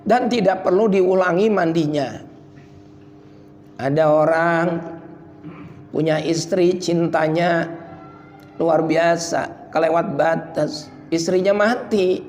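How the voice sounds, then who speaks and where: A male preacher giving a lively, joking sermon at an evening study in a prayer room, often mimicking other voices and swinging between loud and soft. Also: on the high side, takes it slowly, pauses often, faint music behind. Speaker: Islamic preacher. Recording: reverberant room with faint background noise.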